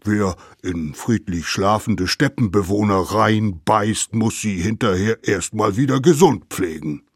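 A big, grumpy storybook mammoth, as a man acts it out, gruff and indignant, its words dragged out slowly. The voice is husky and low, and the recording is dry and close. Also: no room sound. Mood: indignant, stern. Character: huge, grumpy, stern mammoth.

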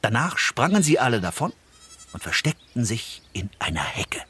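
A man narrating a fairy tale in an expressive storytelling voice that sinks low and soft at tense moments. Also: moderate pace, slightly rough.

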